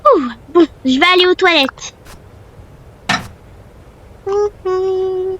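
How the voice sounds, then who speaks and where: A woman's voice: very high-pitched, extremely slow, fairly bright tone, highs cut off, slight background noise, voice pushed up, heavily acted. A woman voicing a friendly, girlish young K-pop trainee chatting casually in a role-play story. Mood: cheerful, chatty.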